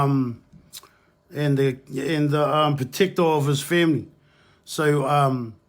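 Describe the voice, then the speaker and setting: A man with a Māori New Zealand English accent, talking casually and haltingly to a live video audience, mixing in Māori words. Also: on the high side. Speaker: community housing helper hosting a live video. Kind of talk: casual live vlog talk.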